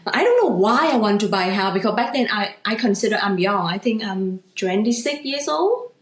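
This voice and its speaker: A woman in her thirties from Vietnam, with a Vietnamese accent, speaking English as a second language as a guest in a casual interview, halting and full of fillers. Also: medium pitch, animated, roomy sound. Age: 30s. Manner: halting, many "you know" and "like" fillers, laughs easily. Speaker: guest, real estate agent.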